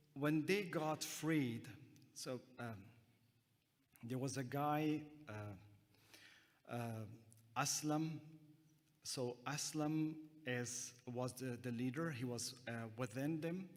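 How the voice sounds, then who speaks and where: A man from Afghanistan gives a talk at a conference, pausing often and restarting his sentences. His voice sits at an ordinary middle pitch. Long reverb from the hall trails behind each phrase. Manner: hesitant, many fillers and restarts. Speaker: counterterrorism analyst.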